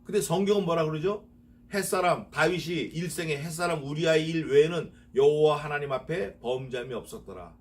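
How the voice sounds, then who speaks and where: A male pastor giving a conversational sermon, reading scripture slowly with emphasis and asking the congregation rhetorical questions. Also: on the high side, far from the mic. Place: church sanctuary.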